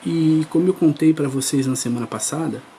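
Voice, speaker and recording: A man's voice: fairly high pitch, brisk, dark tone, a little hiss or hum. Earnest man preaching his testimony. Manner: earnest, addresses the crowd directly. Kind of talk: testimony sermon.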